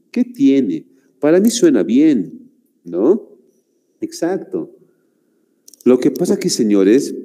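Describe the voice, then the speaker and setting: Man, classroom teacher, slow, deliberate delivery, keeps checking in with the class, dark voice, reverberant room. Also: medium pitch. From Bolivia. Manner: slow, deliberate, repeats phrases, keeps asking "¿no?". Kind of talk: classroom grammar lesson.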